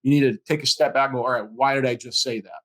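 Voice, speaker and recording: A man's voice: medium pitch, steady tone, racing, a bit bright. A man hosts an interview podcast in casual conversation. He tells stories and acts out the lines of the people in them. He laughs easily as he talks. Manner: storytelling, acts out quoted dialogue, laughs often. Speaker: podcast host.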